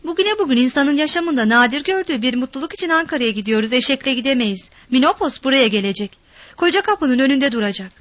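A woman voicing a brisk, bossy village man giving orders in a read story. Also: sits high, lively intonation, a bit bright, no room sound. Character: bossy village man, gruff and rough-spoken.

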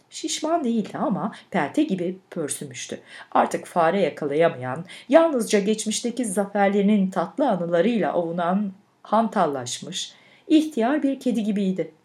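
An expressive woman with a mid-range voice reads a novel aloud as an audiobook narrator. Her literary storytelling is measured and expressive.

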